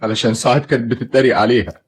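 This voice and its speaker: A man's voice: medium pitch, racing, husky. An actor playing a bitter, fearful father who accuses his wife, with an Egyptian Arabic accent, in an old film drama.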